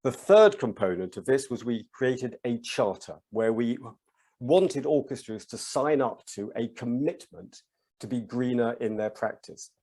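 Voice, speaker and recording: A man's voice: medium pitch, darkish tone. A British man speaking on a conference panel as the leader of an orchestra association, telling stories in a chatty way with frequent ums and restarts. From United Kingdom.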